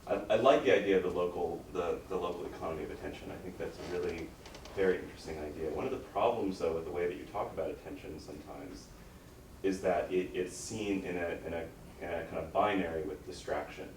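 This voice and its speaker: A man questioning as an academic examiner, informal and halting, softening his critique as he builds toward a question. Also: low-pitched. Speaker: academic examiner at a dissertation defense. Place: echoey room, recorded from a distance. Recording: echoey room, distant mic, faint noise.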